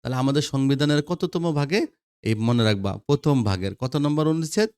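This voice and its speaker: A man's voice: fairly high pitch, animated, moderate pace, darkish tone, smooth, no echo, studio quality. A man with a Bangladeshi Bengali accent, lecturing school students on grammar, quizzing them and repeating the answers. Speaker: teacher.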